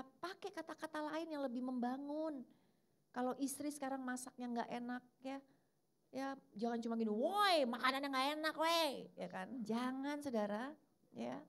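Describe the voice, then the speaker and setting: A woman pastor giving a lively church sermon, animated and leading the congregation in call-and-response. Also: on the high side.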